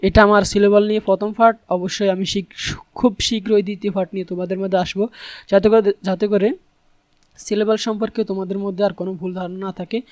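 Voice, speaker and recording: A man's voice: high-pitched, a little mellow, no echo. A man teaching English in an online tutorial. He explains patiently and spells words out letter by letter.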